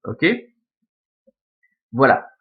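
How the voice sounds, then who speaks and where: A man with a Belgian French accent teaching a recorded Latin lesson, explaining step by step with many fillers and self-corrections. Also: very slow. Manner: patient, methodical, with frequent fillers and self-corrections. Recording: slightly dull lo-fi sound.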